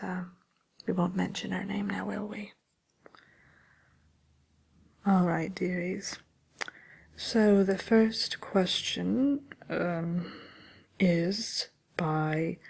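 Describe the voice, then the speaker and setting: A woman voicing a vain, condescending wicked witch in an in-character ASMR chat, drawling in a breathy, creaky, self-satisfied way. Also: mid-range voice, takes it slowly, darkish tone, full character voice. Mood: catty whispering.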